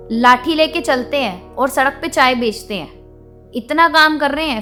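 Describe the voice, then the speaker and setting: Young woman vlogger, higher voice, outspoken and indignant rant, faint music underneath. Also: fairly bright tone. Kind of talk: venting monologue to camera.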